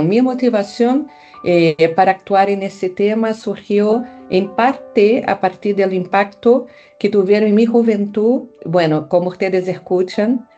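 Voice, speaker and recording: A middle-aged Brazilian woman, a psychologist and foundation founder, answers interview questions reflectively in a Brazilian Portuguese accent, using many hesitant fillers. Her mid-range voice has a warm tone, though the recording is muffled.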